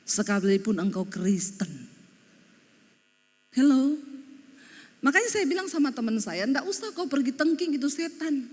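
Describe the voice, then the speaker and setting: A middle-aged woman pastor from Sulawesi with a Sulawesi accent, preaching a lively, humorous sermon that slips into Javanese phrases. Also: on the high side, in a large hall. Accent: Sulawesi Indonesian.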